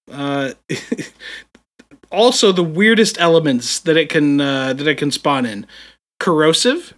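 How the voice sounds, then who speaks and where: Man, podcast co-host, bright, slightly high voice, loose rambling chat. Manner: rambling, with frequent fillers and restarts. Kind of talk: casual gaming podcast chat.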